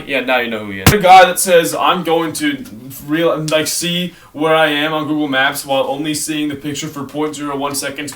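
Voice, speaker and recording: A young man rambling casually through a ranked list, often correcting himself and trailing off mid-sentence. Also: on the high side. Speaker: host ranking favorite creators. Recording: distant mic with clear background noise.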